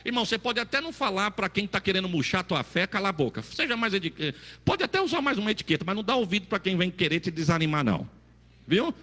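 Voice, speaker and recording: Fervent preacher. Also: male voice, sits high, animated, quick pace, in a large hall. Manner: fervent, folksy preaching with swings from loud to quiet. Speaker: pastor. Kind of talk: sermon.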